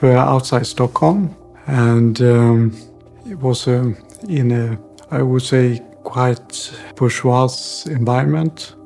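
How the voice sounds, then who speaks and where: Halting Swedish man, gravelly and slow. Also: mid-range voice, warm tone. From Sweden. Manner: halting, many fillers and pauses. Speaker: guest. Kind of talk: personal interview.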